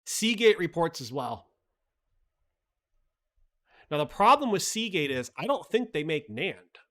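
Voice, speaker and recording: A man's voice: a little high, big pitch swings, unhurried, sharp tone. A man hosting a livestream, casually talking through the market, blunt and profane, filling his talk with "like" and "right?". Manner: chatty, reads chat, frequent "like" and "right?". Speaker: livestream host.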